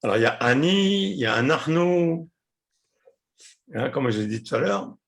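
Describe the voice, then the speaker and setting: Gravelly animated man teaching a class. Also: medium pitch, moderate pace. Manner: explanatory, repeats words, many hesitations. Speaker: Hebrew teacher.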